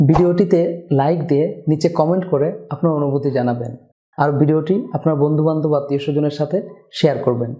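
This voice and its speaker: Slow, deliberate man teaching pronunciation. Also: on the high side, warm tone. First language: Bengali. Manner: slow, deliberate, repeats each word as a model. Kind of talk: scripted pronunciation lesson.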